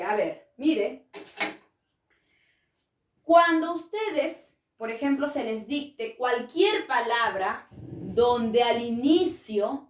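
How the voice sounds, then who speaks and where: A woman's voice: high voice, far from the mic. A woman teaching a spelling lesson to children, patient and coaxing, often asking the class questions. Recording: echoey room, voice from off-mic.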